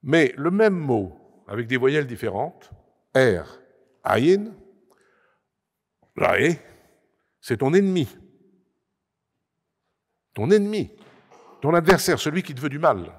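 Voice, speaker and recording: A man's voice: medium pitch, big pitch swings, slow, long pauses, slightly rough. Man lecturing in a reverberant hall. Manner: explanatory, emphatic, with frequent hesitations and restarts. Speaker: speaker at a conference panel. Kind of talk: lecture-style talk to an audience. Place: assembly hall. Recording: long reverb of a large hall.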